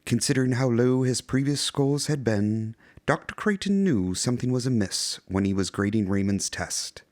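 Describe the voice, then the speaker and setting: A man playing a genteel horror anthology host, narrating scripted tales in a measured, theatrical, vintage style. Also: medium pitch, animated, a little mellow, no echo, clean studio sound, natural voice. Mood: storytelling.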